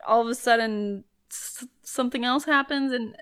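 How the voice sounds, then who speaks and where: A woman in her thirties co-hosting a podcast, chatty and quick to laugh in casual run-on talk. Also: a little high, a bit bright, smooth. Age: 30s. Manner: chatty, laughs easily, talks in loose run-on bits. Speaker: podcast co-host. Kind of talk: casual chat.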